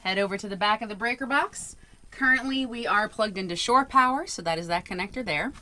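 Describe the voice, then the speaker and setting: A woman in her thirties, a sailing vlogger, explaining her boat's power setup in a clear, informative tour-guide way from inside a cramped engine room. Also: medium pitch, fairly quick, sharp tone.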